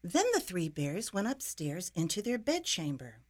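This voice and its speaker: Woman storyteller, bedtime fairy tale, slow, unhurried, hugely melodic, expressive. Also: fairly low pitch. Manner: expressive, sing-song storytelling.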